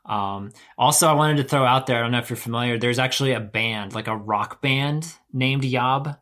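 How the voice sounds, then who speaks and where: A man's voice: mid-range voice, moderate pace, fairly bright tone. A man from the US hosting a podcast, talking in a rambling, enthusiastic, exclamatory way. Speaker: podcast host. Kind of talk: casual video-call chat.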